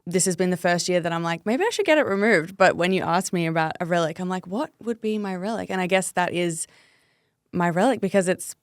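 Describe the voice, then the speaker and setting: Clear-voiced Australian woman, chatty. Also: fairly low pitch, animated, fairly quick, no room sound, studio quality. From Melbourne, Australia. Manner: chatty, open, uses 'like' often. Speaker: podcast guest. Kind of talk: casual interview chat.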